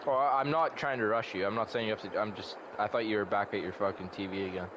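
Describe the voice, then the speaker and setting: A man's voice: fairly low pitch, fairly quick. Laid-back young man on a lo-fi voice chat. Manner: laid-back, laughs along, profane slang. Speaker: gamer chatting with a friend. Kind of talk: casual gaming chat. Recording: dull lo-fi voice chat with faint hiss.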